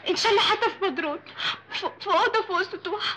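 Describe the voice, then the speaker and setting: An actress playing a troubled young wife, speaking with an Egyptian accent, pleading and evasive. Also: female voice, very high-pitched, very fast, background noise. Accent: Egyptian Arabic.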